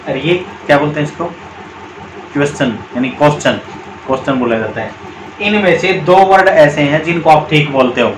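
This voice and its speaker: Indian teacher explaining slowly, echoey room. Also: male voice, fairly high pitch. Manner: explains step by step, repeats words slowly, calls students beta. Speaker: English grammar teacher. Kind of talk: classroom-style video lesson. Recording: echoey room with faint background noise.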